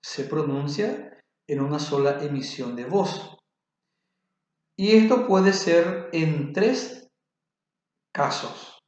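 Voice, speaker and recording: A man giving a spoken grammar lesson, slow and deliberate, spelling out examples. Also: fairly high pitch, animated, a little mellow. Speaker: teacher. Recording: very echoey, dull lo-fi room.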